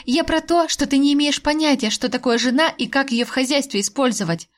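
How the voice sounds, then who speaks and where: A woman voicing an indignant young wife, sharp and sarcastic, who pleads with her husband. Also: fairly high pitch, animated, normal speed.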